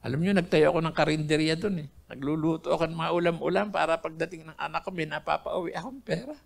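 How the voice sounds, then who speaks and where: A man's voice: a little high, fast talker, creaky, a little hiss or hum. An older man from the Philippines, earnestly telling his personal faith testimony to his listeners. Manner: earnest storytelling, addressing listeners as brethren. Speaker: testimony speaker.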